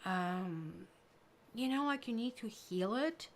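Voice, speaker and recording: Speaking slowly in a voice on the high side, a woman from Croatia delivers a tarot reading to camera that rambles along, full of "like" and "kind of," chatty with occasional lively bursts.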